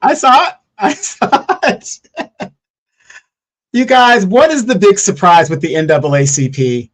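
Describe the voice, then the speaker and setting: A man's voice: high voice, brisk. A man co-hosting a casual political commentary show, blunt and teasing, with matter-of-fact delivery.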